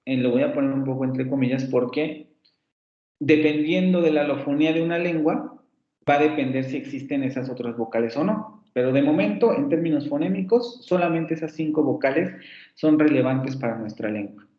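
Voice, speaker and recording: A man with a Mexican Spanish accent gives a phonetics lecture in a fairly high voice. He works through the material step by step and says example words slowly and more than once. The sound is roomy and a bit dull, like a lo-fi class recording. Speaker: phonetics professor. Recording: echoey, muffled lo-fi class recording.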